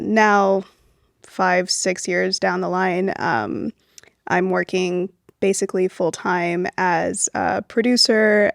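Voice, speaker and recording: A young adult woman from Venezuela who grew up in Miami appears as a film producer guest in a relaxed, casual interview, filling her speech with "um" and "like." Her mid-range voice has vocal fry. The audio is studio quality with no room sound.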